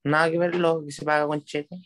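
A man's voice: fairly high pitch, flat delivery, brisk, fairly bright tone, a little hiss or hum. A male student giving short, tentative answers to his teacher in class.

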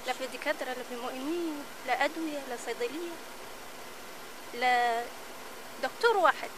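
Young libyan woman, teacher, high soft voice, outside on a noisy camera mic. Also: fairly quick. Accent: Libyan Arabic. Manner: soft-spoken, listing shortages plainly. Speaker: schoolteacher. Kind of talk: street interview. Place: outdoors on a sandy village track. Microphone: handheld camera at close range. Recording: outdoor camera audio with clear background noise.

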